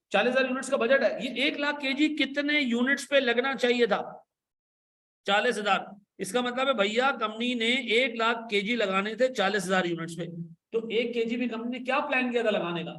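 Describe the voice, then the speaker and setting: A man giving an accounting lecture, animated and coaxing, pressing his students with repeated questions and playful scolding. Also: very high voice, moderate pace, reverberant. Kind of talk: classroom lecture.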